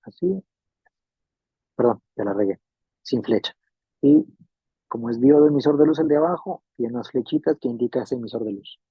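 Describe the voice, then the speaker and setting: A man's voice: medium pitch, sing-song, moderate pace, vocal fry, pauses often, slightly rough, no room sound. A man teaching a classroom lecture on electronics, patiently repeating points and checking that students follow. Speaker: refrigeration electronics instructor. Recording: tinny phone-like dry sound.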